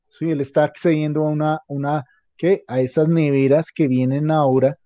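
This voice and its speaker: A man giving a classroom lecture, halting and restarting often, checking in with the class after many phrases. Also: medium pitch, dry recording. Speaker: teacher. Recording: dull, muffled lo-fi audio.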